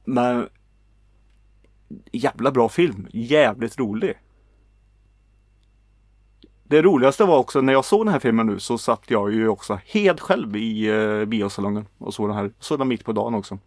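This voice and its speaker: A man from Sweden in casual film chat on a podcast, relaxed and hesitant, with many fillers. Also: mid-range voice, long pauses, no echo, studio quality. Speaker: podcast co-host.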